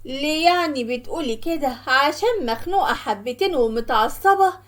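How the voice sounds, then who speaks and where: A woman voicing a sharp-tongued, stingy sister with an Egyptian Arabic accent, speaking in a scolding, snappish way. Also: sits high, expressive, moderate pace. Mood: irritated.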